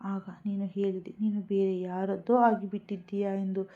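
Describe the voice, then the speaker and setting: A woman's voice: medium pitch, level tone, normal speed, natural voice. A woman voicing a heartbroken young man who pleads with a choked, tearful voice. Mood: pleading. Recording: dull lo-fi recording.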